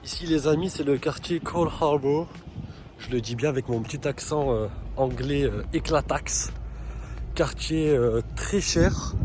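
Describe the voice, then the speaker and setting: A man from France chatting casually in a travel vlog while walking around a city, often pausing on "euh" and restarting his sentences. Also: mid-range voice. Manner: chatty, relaxed, frequent fillers and restarts. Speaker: vlogger. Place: outdoors in a city. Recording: loud street noise behind.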